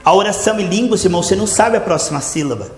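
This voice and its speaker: A man's voice: sits high, lively intonation, rapid-fire. A man preaching a sermon, earnest and exhorting, repeatedly addressing his listeners as brothers and stretching out words for emphasis. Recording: echoey room with faint ambient noise.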